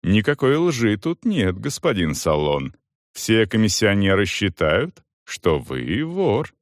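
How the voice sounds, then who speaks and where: A man voicing a tedious male accountant who reads figures in a dry, steady, officious way. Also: fairly low pitch, slow, no room sound, heavily acted. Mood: patient.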